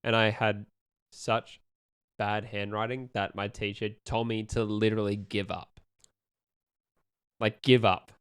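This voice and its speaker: A young man, talking in a rambling, easygoing way full of ums and restarts. His voice sits low and comes through smooth and clear. The sound is close and dry, with no room around it. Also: flat delivery, unhurried, pauses often, a bit bright, no room sound. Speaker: podcast co-host asking questions. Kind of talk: casual chat.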